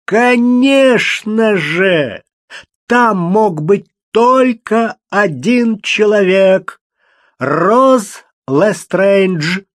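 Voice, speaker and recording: A man reading an audiobook, voicing an excitable young man who shouts and mocks. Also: very slow, no echo, clean studio sound, exaggerated voice. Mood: agitated. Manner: shouting, high-strung, mocking. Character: excitable young man, loud and self-reproaching.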